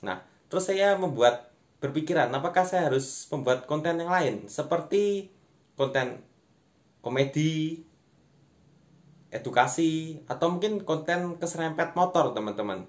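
A man's voice: fairly high pitch, animated, unhurried, long pauses. A young man, delivering a conversational, self-deprecating stand-up monologue to camera in a room at home. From Indonesia. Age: young adult. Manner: conversational, self-deprecating, often addressing listeners as friends. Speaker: amateur stand-up comedian. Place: small room at home, indoors.

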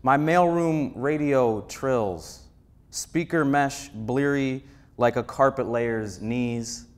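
A man in his thirties, a poet, reading his own poem slowly and emphatically on stage at a stand mic. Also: medium pitch, clear, resonant tone. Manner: slow, emphatic poetry reading. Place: theater stage.

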